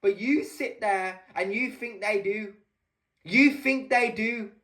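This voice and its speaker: A man's voice: high voice, takes it slowly, sharp tone. A man losing his voice, giving a heated vlog rant, emphatic and repetitive, swearing often. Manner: emphatic, repeats phrases, swears. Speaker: vlogger.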